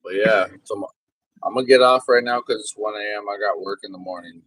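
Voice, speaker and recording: A man's voice: lowish voice, brisk, a bit bright, no room sound, rough recording. A man chatting casually with a streamer friend, laid-back, answering in short phrases. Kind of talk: casual chat.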